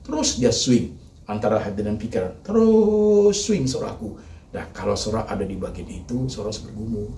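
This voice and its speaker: Gravelly low-voiced preacher in an echoey hall. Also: male voice, fast, a little mellow, slight background noise. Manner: emphatic, repetitive, keeps addressing listeners as brethren. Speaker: pastor. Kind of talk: sermon. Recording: echoey hall, mic at a distance.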